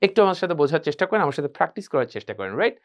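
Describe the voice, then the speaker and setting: A man teaching a spoken English class, animated and drilling phrases by repeating them. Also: on the high side, very fast. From Bangladesh.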